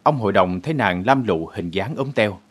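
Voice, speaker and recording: A male storyteller reads aloud in a low, husky voice. He narrates steadily and evenly. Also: expressive, normal speed. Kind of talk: storybook reading.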